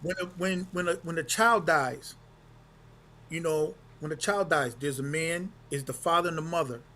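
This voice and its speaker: A man's voice: on the high side, moderate pace, sharp tone, slight background noise. A man who runs a men's group, speaking earnestly on a panel and posing questions to the others. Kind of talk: casual panel discussion.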